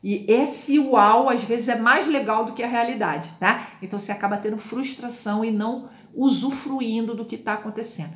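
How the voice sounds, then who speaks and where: A woman hosts a casual self-help video, chatting loosely about a book chapter and tacking "tá?" and "né?" onto her lines. Her voice is on the high side and a bit bright, and she talks fairly quickly with hardly any pauses. The room is echoey, with slight background noise.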